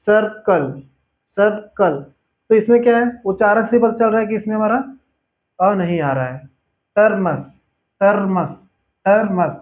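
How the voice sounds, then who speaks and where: High-voiced male teacher, tinny audio. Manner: patient, repeats words slowly for students. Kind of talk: spelling lesson over a board.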